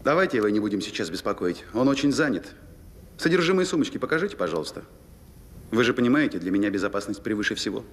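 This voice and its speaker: A man's voice: fairly low pitch, big pitch swings, fast talker. A man playing a middle-aged military security officer in a film, formally courteous, dry and insistent. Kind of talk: film acting.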